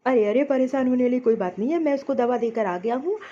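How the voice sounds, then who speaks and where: A woman's voice: fairly high pitch, animated, quick pace, dark tone, dull audio. A woman voicing a kindly, reassuring father who soothes his crying daughter in a cartoon story. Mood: soothing. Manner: coaxing, reassuring.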